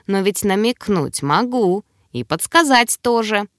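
A woman's voice: medium pitch, lively intonation, unhurried, no echo, studio quality, lightly acted. A woman voicing a small, sly male demonic keeper who teases and gloats in a lecherous, wheedling way for an audiobook. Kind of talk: audiobook character voice.

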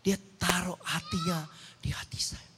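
A man delivering a sermon into a handheld mic. His voice sits a little high and jumps up sharply when he gets excited in the middle of a story. The sound carries a long echo that rings through a big church hall. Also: normal speed, slight background noise. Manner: storytelling, animated with sudden high-pitched exclamations. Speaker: preacher. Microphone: handheld microphone.

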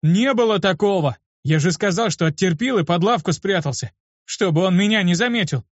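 A man's voice: high-pitched, expressive, fairly quick, no echo, highs cut off, voice pushed up. A man voicing a cheeky young male street thief who protests and dodges, in an audiobook reading. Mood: indignant.

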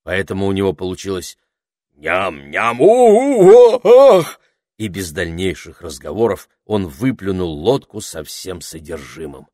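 A man's voice: sits low, moderate pace, hardly any pauses, a little mellow, no echo, clean studio sound. A man reading a children's story aloud as the narrator of an audiobook.

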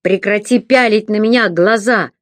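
A woman's voice: medium pitch, unhurried, no room sound, studio quality, close to an everyday voice. A woman doing a bitter, snarling young man. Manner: harsh, barking, contemptuous. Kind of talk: audiobook character voice.

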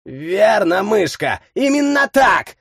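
A shrill hissing lizard woman, as a man puts her on. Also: big pitch swings, takes it slowly, creaky, a bit bright, husky, no echo, studio quality, full character voice. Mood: vicious. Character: hot-tempered scaly lizard woman, servile and vicious.

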